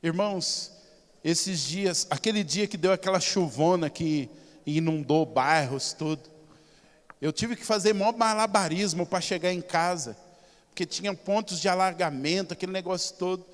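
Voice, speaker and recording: A man with a Brazilian Portuguese accent preaching a sermon, telling stories emphatically and swinging from loud to soft. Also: sits high, moderate pace. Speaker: pastor. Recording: reverberant church hall.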